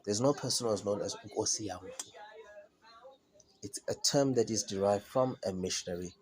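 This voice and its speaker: Male speaker, lowish voice, informal lecture, repetitive and halting, stops to ask if you follow. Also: rough recording. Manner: repetitive, halting with many restarts; asks "do you understand?".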